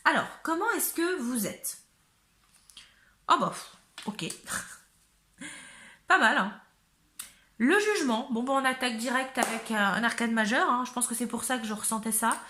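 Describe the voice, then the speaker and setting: A hoarse woman from north-eastern France with a north-eastern French accent, giving a chatty, giggly tarot reading to her viewers, often searching for words. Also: fairly high pitch, lively intonation, moderate pace, long pauses, sharp tone, echoey room, slight background noise. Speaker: tarot reader. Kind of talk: casual tarot reading to camera.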